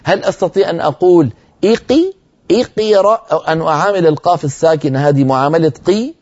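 Man, middle-aged, recitation teacher who lectures patiently, drawing out example words; warm, dark tone on muffled lo-fi audio. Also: a little high, racing. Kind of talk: classroom lecture on recitation rules.

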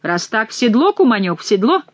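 A man's voice: high-pitched, very animated, brisk, dry recording, pitched above the performer's own voice. A woman voicing a cool, sardonic male Gascon horseman who snaps out curt commands. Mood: teasing.

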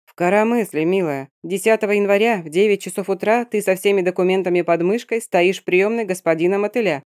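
A woman voicing a sharp, sarcastic female lawyer who speaks briskly and in a businesslike way. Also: mid-range voice, dry recording, clean studio sound, close to an everyday voice.

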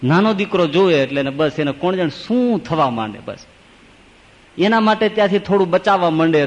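A man, a swami, telling a scripture story in a devotional sermon, acting out each character in turn. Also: on the high side. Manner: acts out story characters in changing voices. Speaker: swami giving a scripture discourse. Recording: long hall reverb.

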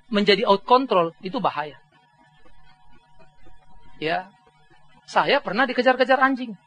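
A middle-aged man preaching a sermon as a pastor, telling animated stories with humor and acting out voices. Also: sits high. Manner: mixes English words into speech.

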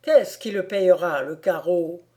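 A woman voicing a portly, good-natured aging village policeman in a storybook reading, with a slow, booming, jovial manner. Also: dark tone, lightly acted. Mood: hesitant.

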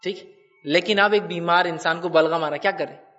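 Man with a high voice preaching a lecture, keeps repeating points, muffled sound from a distant mic. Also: soft background music. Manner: animated, repeats points, asks listeners rhetorical questions. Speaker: Islamic lecturer. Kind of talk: religious lecture.

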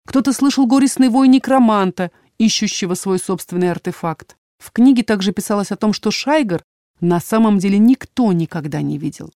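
A woman narrating a first-person fantasy audiobook in a measured, expressive way, on a close mic. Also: fairly low pitch, dry recording.

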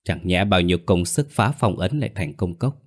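A man's voice: low voice, animated, moderate pace. A man voicing a hot-headed, anxious young son in an audio story, speaking in a heated, pleading way. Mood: worried.

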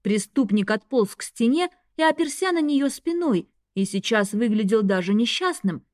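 Woman audiobook narrator, fairly high voice, wry even reading, dry close sound. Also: moderate pace, no echo. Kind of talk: first-person fantasy audiobook narration.

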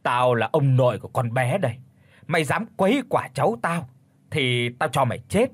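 Brief: bossy old grandfather spirit in an audio horror tale, deep and booming, husky, put on by a male narrator. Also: lively intonation, normal speed, no room sound. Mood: commanding. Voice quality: deep booming, sometimes a feeble rasp. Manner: domineering, scolding. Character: young man faking his grandfather's ghost, gruff and commanding.

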